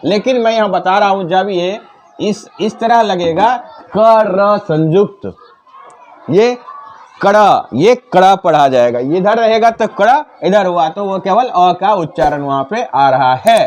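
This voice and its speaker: A man teaching the alphabet to children in a slow, repetitive classroom manner, asking questions and repeating each sound. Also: sits high, animated, darkish tone, dull audio. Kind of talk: classroom-style alphabet lesson.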